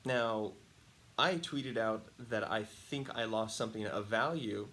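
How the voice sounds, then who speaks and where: A man hosting a casual talking-to-camera monologue, telling stories in a chatty, animated way and laughing often. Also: on the low side, a little slow. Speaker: host.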